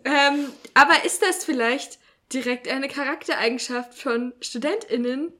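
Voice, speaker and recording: A young woman speaks as a podcast co-host in a fairly high voice. Her delivery is casual and conversational, like talk among friends. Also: measured pace, bright, forceful tone. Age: young adult.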